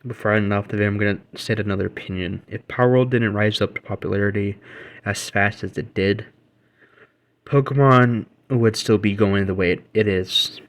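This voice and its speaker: Rambling low-voiced gaming vlogger man. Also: normal speed. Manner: rambling, with many restarts and self-corrections. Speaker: gaming reaction channel host. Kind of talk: casual opinion rant to camera.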